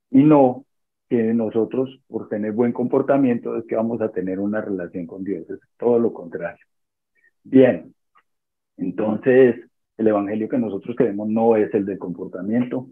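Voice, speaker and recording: A man teaching a church discipleship class over an online video meeting, in a measured way, restating phrases and pausing to find his words. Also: medium pitch, husky. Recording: tinny phone-like online call audio.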